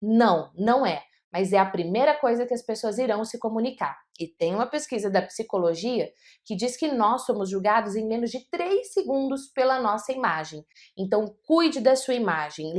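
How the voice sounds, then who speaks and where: A woman's voice: on the high side, brisk. A woman with a Brazilian Portuguese accent teaching public speaking, talking straight to the viewer with energy. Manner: energetic, addresses viewer directly. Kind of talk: motivational video lesson.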